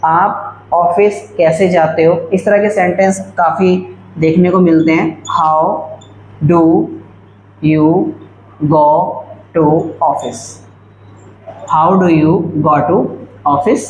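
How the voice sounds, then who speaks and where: Slow-spoken teacher. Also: male voice, on the high side, steady tone. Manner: slow, drawn-out dictation of English examples. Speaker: English teacher. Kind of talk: classroom-style video lecture. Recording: echoey room, faint background hum.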